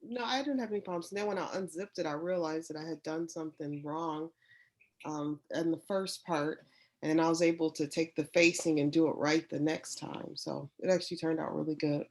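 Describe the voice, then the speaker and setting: Stuffed up lady w lowish voice, lax n halting, just chatting. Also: steady tone, darkish tone. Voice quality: congested, stuffy-sounding. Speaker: sewing group member showing her projects. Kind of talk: casual chat.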